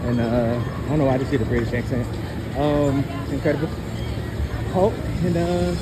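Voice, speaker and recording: A man's voice: mid-range voice, moderate pace, heavy background noise. A man, a father, filming a playful theme park vlog outdoors, joking and asking his family questions on a handheld camera. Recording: loud crowd and music around.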